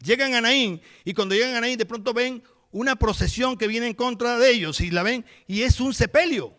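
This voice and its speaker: Male pastor, higher voice, sermon delivery, storyteller who acts scenes out. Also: normal speed, sharp tone. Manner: vivid storytelling, acting out the scenes.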